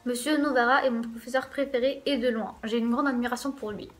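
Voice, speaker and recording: A woman's voice: on the high side, fairly even intonation, fast. A woman hosting a let's play, reading a visual novel's first-person narration aloud in a casual way with wry asides.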